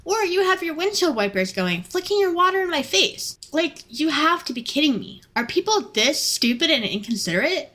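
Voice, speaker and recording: A young woman who works in fast food, ranting about customers in an exasperated, sarcastic vlog. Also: fairly high pitch, sharp tone. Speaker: fast food worker and vlogger.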